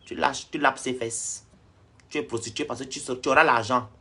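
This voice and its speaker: A man's voice: medium pitch, steady tone, moderate pace, pushed and bright, slightly rough. A man delivering a blunt, preachy rant in a social-media vlog, lecturing his viewers directly. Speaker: online commentator.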